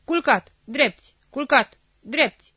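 A woman's voice: a little high, sing-song, dry recording, pitched above the performer's own voice. A woman voicing a harsh, short-tempered male army captain who barks orders and mocks, in a dry studio read. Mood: furious. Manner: barking, mocking, commanding.

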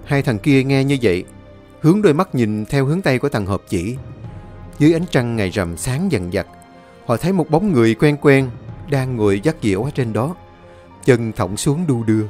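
A man's voice: mid-range voice, animated, normal speed, a little mellow, soft background music. Male ghost-story narrator.

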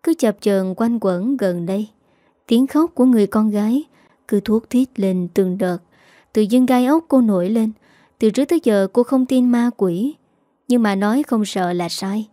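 A woman narrating a romance story in a calm, steady reading voice. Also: medium pitch, normal speed, no echo, studio quality. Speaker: story reader.

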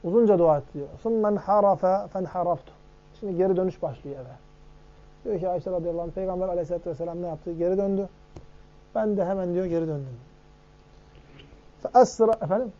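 Guy teaching hadith, talks fast, high voice, keeps asking the room questions. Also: warm tone. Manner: reads Arabic text fast, then explains it in Turkish with questions to the audience. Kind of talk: lecture on hadith. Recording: dull lo-fi recording.

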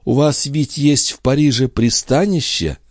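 A man's voice: medium pitch, a little slow, no echo, studio quality, pitched above the performer's own voice, lightly acted. A man voicing an anguished queen in love in an audiobook, speaking in a breathless, pleading way. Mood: strained. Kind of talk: audiobook character voice.

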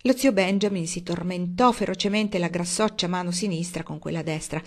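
A woman narrating a novel aloud in a steady, measured reading voice. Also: lowish voice. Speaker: audiobook reader. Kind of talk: audiobook narration.

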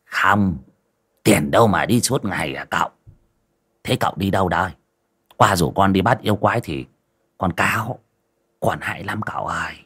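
A man's voice: moderate pace, long pauses, fairly bright tone, breathy edge, heavily acted. A man voicing a jittery, cowardly old coffin maker who stammers and whines. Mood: grumbling. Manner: stammering, shrill when panicked.

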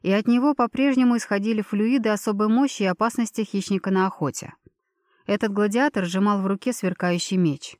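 At a fairly quick pace and medium pitch, a woman narrates a first-person fantasy novel as a steady audiobook reader, adding small lifts to the dialogue. The sound is dry and clean, studio quality.

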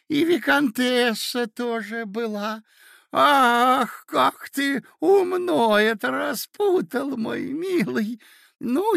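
Brief: doddering elderly prince, excitable and confused, shrill and lively. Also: male voice, vocal fry, no room sound, studio quality, exaggerated voice. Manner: babbling, high-pitched and gushing.

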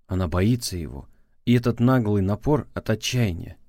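Reading scripted audiobook material, a very low-voiced male narrator keeps a measured, steady delivery. No room sound is audible in the close, dry capture.

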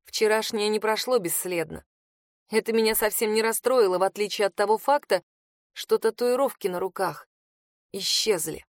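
Female audiobook narrator, mid-pitched, steady and expressive, dry close recording. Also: moderate pace, dry recording. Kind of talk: first-person fantasy audiobook narration. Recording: dry close studio sound.

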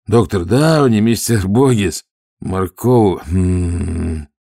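A man's voice: low voice, drawn-out words, vocal fry, mellow, dry recording, clean studio sound, full character voice. A man voicing a tough, sardonic male watch commander who barks and mocks with feigned politeness. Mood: groggy-polite. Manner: barking, sarcastic.

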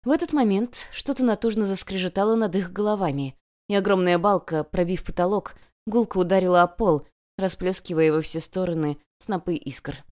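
A woman narrating an audiobook in an expressive, dramatic way. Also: lowish voice, moderate pace.

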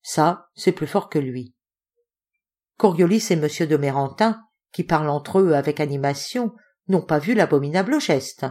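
A woman reading a novel aloud as a volunteer audiobook narrator, with expressive delivery. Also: sits low, moderate pace. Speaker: audiobook reader.

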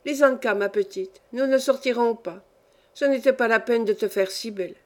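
A woman's voice: a little high, moderate pace, a little mellow, close to an everyday voice. A woman reading a story aloud, voicing an imperious, capricious old countess who scolds and gives orders in a peevish, querulous way.

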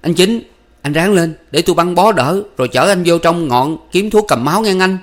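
A man's voice: a little high, brisk, a bit bright, pitched above the performer's own voice, natural voice. A man voicing a tense young gunman, speaking in a strained, raised voice. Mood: desperate.

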